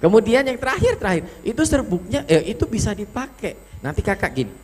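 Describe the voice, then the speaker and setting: A man judging a children's storytelling contest, giving animated, affectionate feedback and acting out lines to show how they should sound. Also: high-pitched, a little fast, husky. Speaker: competition judge. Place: school storytelling competition venue.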